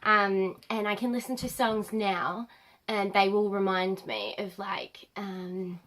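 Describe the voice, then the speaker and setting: A woman in her late twenties, nasal from a cold, chatting to camera as a vlogger, rambling with many pauses and ums. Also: mid-range voice, fairly even intonation, a bit bright. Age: late 20s. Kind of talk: casual chat to camera.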